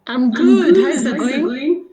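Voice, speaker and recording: A woman's voice: high voice, expressive, slow. A woman on an online meeting call giving polite, brief replies, her voice echoing back from a second device on her end. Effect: echo from a second device on her end. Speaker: meeting participant. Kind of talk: casual online meeting chat. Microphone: video call. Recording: echoey video call with crowd noise.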